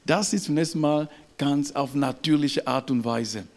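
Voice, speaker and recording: A man preaching a sermon to his congregation, emphatic and halting, often checking in with "ja?" and "Amen". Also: on the high side. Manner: halting, with restarts and fillers.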